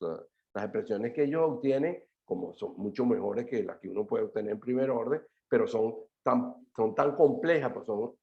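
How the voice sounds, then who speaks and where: A man presenting at an online math seminar at a middle pitch, pausing often and restarting his sentences. His voice comes through a dull, lo-fi video call line. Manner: halting, many fillers and restarts. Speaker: seminar speaker. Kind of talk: academic talk and answers.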